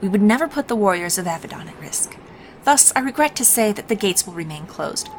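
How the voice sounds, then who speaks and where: A woman's voice: mid-range voice, big pitch swings, brisk, a little hiss or hum. A woman voicing a pompous male wizard advisor from a game, with solemn, theatrical, hammy stage delivery, falsely subservient. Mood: grave, evasive. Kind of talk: video game dialogue read-aloud.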